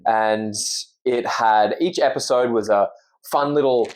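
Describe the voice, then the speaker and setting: A man's voice: mid-range voice, a little slow, slight background noise, poor audio. A man in his thirties with an Australian accent, an actor talking earnestly and reflectively as a podcast guest. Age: 30s. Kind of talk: casual interview chat.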